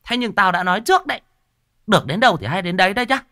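A man doing a shrill bossy village medium woman. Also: very animated, normal speed, sharp tone, dry recording, studio quality, heavily acted. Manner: brusque, scolding, self-important.

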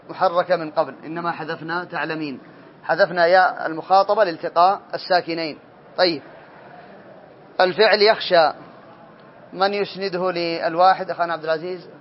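A man's voice: sits high, steady tone, moderate pace, pauses often, a little hiss or hum. A man teaching a classroom grammar lesson, drilling students, calling on them by name and correcting their answers. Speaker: teacher of Arabic morphology. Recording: dull lo-fi classroom recording.

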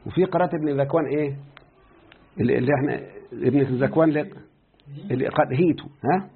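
A man with an Egyptian Arabic accent teaching a grammar lesson, who keeps quizzing his student and slowly repeats words. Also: fairly high pitch, gravelly. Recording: tinny phone-like line.

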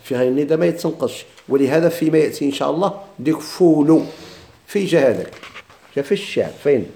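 A man with a Moroccan Arabic accent explains an Arabic grammar text in class, asking and answering his own questions and repeating examples. He talks fast, with a fairly high, dark voice and lively intonation.

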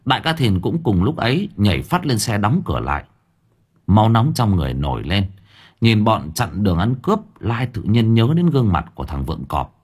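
Man, audiobook narration, husky, animated delivery. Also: on the low side, a little fast. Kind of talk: scripted story narration.

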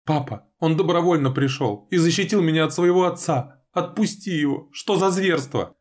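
A man's voice: on the high side, normal speed, darkish tone, voice pushed up, close to an everyday voice. A man reading an audiobook, voicing a frightened young woman who pleads for the man she loves. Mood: pleading loudly. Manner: pleading, tearful. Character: frightened devoted young woman, the narrator's girlfriend.

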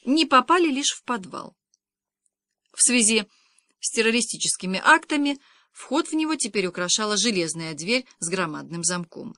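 Woman reading a funny novel out loud, pitch jumps all over, dry booth sound. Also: moderate pace, no echo. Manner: lively first-person storytelling, many voices. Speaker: audiobook reader. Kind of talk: reading a comic novel aloud.

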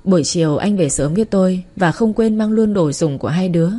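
A woman reading a first-person story in a calm, even way, over faint music. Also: fairly low pitch, fairly quick. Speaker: narrator.

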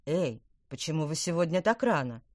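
A woman's voice: low voice, expressive, normal speed, a little mellow, no room sound, studio quality. A woman voicing a bemused, puffing middle-aged father in a storybook.

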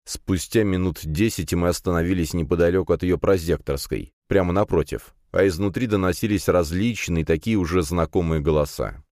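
A man narrates a first-person audiobook in a low, deep voice. His delivery is wry and grumbling, and the recording is close and dry, with no room sound. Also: a little fast, hardly any pauses, a little mellow, no echo.

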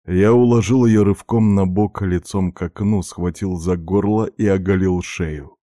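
A man narrating first-person fiction as an audiobook narrator, in a measured, darkly intimate way. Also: sits low, fairly even intonation, mellow, dry recording, studio quality.

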